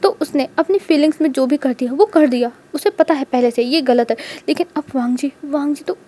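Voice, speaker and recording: A woman's voice: high-pitched, fairly quick, warm tone. A woman narrating a fan story in an emotional voice, stammering repeats as she acts out crying characters. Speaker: fanfiction narrator.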